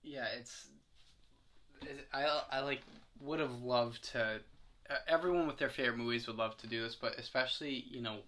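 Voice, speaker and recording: A man's voice: mid-range voice, moderate pace, fairly bright tone, slight background noise. A young man co-hosting a podcast, chatting casually in a rambling, hesitant way with lots of fillers. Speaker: podcast co-host. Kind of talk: casual chat.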